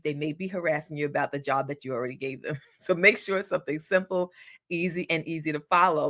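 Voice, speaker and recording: A woman's voice: deep voice, fairly bright tone. A woman hosting a solo podcast, giving advice in a chatty, encouraging, colloquial way. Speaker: podcast host.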